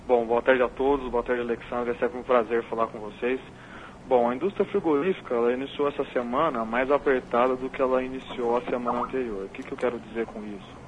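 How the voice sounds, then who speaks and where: Brazilian man on a phone call, measured analytical talk, dull muffled line, faint hiss behind. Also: medium pitch, steady tone. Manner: measured, analytical, tags points with "né?". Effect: heard over a phone line. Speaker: market analyst guest. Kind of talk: explaining market figures on a call-in interview.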